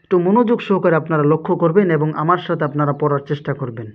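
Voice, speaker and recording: A man's voice: on the high side, fast. A man teaching Quran reading, spelling out each letter and vowel mark before chanting the whole word, with a Bangladeshi accent. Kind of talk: slow spelling-out recitation lesson. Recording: dull lo-fi audio.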